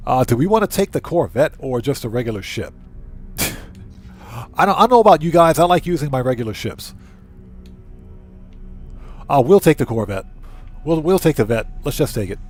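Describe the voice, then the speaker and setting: A livestream host chats with viewers and thinks aloud while casually commenting on a video game. His mid-range voice is sing-song at a normal speed with long pauses, and faint music plays behind.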